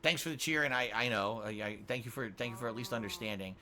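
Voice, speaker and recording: A man's voice: medium pitch, quick pace, bright, forceful tone, a little hiss or hum. A man streaming a game, venting in frustration with heavy swearing and repeating himself as he reads out viewer tips. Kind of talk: casual live-stream chat.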